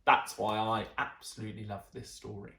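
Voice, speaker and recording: Teacher-type woman, expressive bedtime storyteller, roomy echo. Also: extremely low pitch, normal speed, gravelly. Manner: expressive, adds gentle asides.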